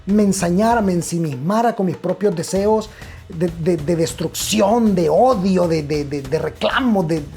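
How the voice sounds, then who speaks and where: A man's voice: sits high, a little slow, mellow. A man telling a comic story, profane and stumbling over repeated words as he searches for them.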